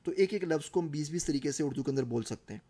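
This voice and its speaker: A man's voice: fairly high pitch, fast talker, warm tone, breathy edge. A middle-aged man with a Pakistani Urdu accent giving a recorded course lecture, explaining ideas through everyday examples.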